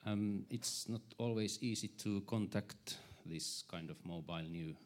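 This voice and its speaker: A man in the audience asking a conference speaker a question, halting and full of fillers. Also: on the low side, a little mellow.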